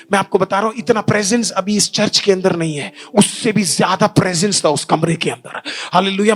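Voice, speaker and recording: A man, a pastor, giving a testimony sermon in a church, mixing Hindi with English phrases and often saying "I mean", sometimes rising into fervent shouted preaching. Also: sits high. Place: church hall.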